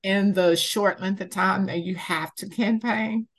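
A woman from Georgia answering interview questions conversationally, in a measured, deliberate way. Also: medium pitch, steady tone, breathy edge. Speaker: interviewee, community campaigner.

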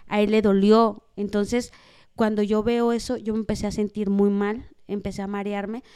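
A woman's voice: medium pitch, little pitch movement, normal speed, dark tone, smooth. A woman from Mexico, a podcast guest, telling an emotional family story in casual conversation and retelling what people said.

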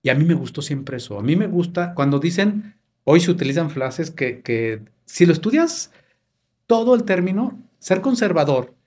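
A man's voice: on the high side, very animated, normal speed, a little mellow. A Mexican man in his fifties, a podcast guest telling family stories in casual conversation and acting out old dialogues. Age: 50s. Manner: storytelling, reenacts family dialogue. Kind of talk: casual interview chat.

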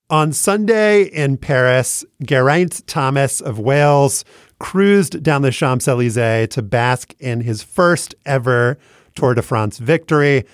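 A man's voice: medium pitch, no room sound, clean studio sound. A man hosting a podcast in a conversational presenting style, with a dryly joking manner. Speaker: podcast host.

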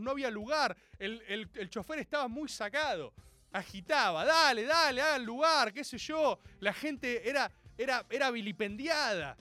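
A young man with a Rioplatense Argentine accent tells a stand-up story with mock-solemn grandeur, now and then shouting out the voices of the people in it. His voice sits very high for a man and climbs and falls in wide, lively swings. Faint music plays behind him. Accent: Rioplatense Spanish. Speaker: comedian.

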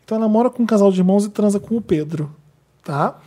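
A podcast co-host reads a listener's letter aloud in a mellow, relaxed tone. The delivery is playful, with wry asides and a steady middle pitch. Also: fast. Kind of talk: casual chat, reading aloud.

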